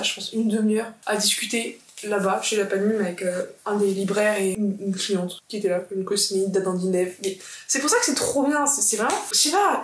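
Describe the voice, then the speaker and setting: A woman's voice: mid-range voice, slight background noise. Chatty young woman vlogging, roomy sound. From France. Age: 20s. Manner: rambling, self-correcting, quick asides. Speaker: student vlogger. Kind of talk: casual vlog chat. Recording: echoey room.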